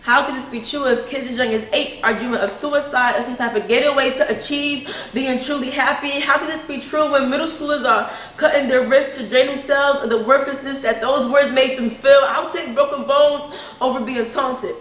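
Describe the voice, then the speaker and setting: A woman's voice: high-pitched, fairly even intonation, moderate pace, fairly bright tone. A teenage girl, a student, performs a spoken word poem with emphatic, rhetorical delivery in a school room. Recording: echoey room with faint hum.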